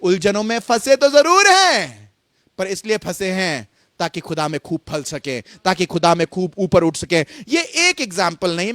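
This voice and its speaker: Animated high-voiced man preaching a sermon. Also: no room sound, studio quality. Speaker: pastor. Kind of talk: Hindi sermon.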